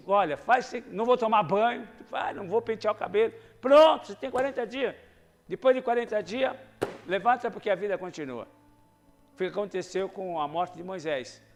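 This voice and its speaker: A man preaching a sermon in a conversational way, moving between soft asides and loud exhortation. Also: sits high, creaky.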